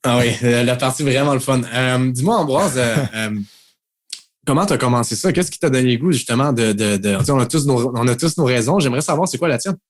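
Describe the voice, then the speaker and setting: A man's voice: mid-range voice, a little fast. A man with a Québécois accent hosting a casual podcast interview, friendly, with many fillers. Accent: Québécois French. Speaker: podcast host.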